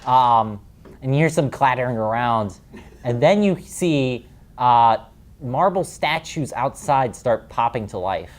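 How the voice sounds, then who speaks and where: Male game master, tabletop narration, rambling, lots of fillers, mid pitch. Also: expressive, measured pace. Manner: rambling descriptions with many fillers.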